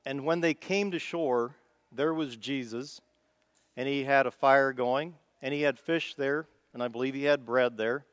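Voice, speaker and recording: Midwest guy giving a laid-back sermon, clear smooth voice, no room echo. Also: medium pitch, measured pace, fairly bright tone. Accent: Midwestern American. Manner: folksy, conversational, thinking aloud with small restarts. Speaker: preacher. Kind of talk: informal sermon.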